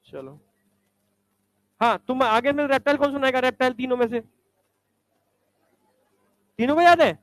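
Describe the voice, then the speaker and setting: A male teacher quizzing students in a classroom, briskly ordering them to stand up and recite examples. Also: very high voice, no echo.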